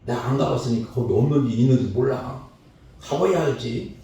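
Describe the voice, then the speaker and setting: A male pastor giving a Sunday sermon, swinging between loud, high calls and low, hushed lines. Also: fairly quick, creaky. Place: church sanctuary. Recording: very echoey church hall, mic far off.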